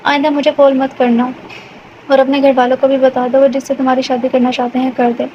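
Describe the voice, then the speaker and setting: A woman's voice: sits high, little pitch movement, lightly acted. A woman voicing a cold, curt young man. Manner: curt and harsh. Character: young man abruptly breaking off engagement, cold. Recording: dull lo-fi with faint hiss.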